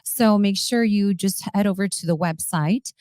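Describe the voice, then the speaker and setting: A woman's voice: mid-range voice, normal speed, darkish tone, no echo, studio quality. A woman hosting a podcast in a casual, upbeat, chatty way, enthusing about products. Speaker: podcast host. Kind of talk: casual chat.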